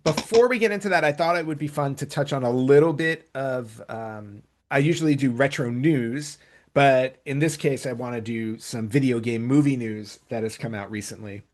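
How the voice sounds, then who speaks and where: This man hosts a podcast and talks casually about entertainment news, rambling and often rephrasing himself mid-sentence. His voice is mid-range and his pace is normal.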